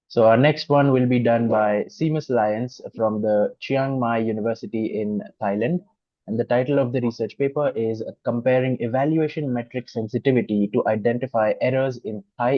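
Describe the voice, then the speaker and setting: A man moderating a conference session online, speaking in a polite, formal way with hesitant pauses. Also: medium pitch, dry recording. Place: online video conference call. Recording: dull, dry online meeting audio.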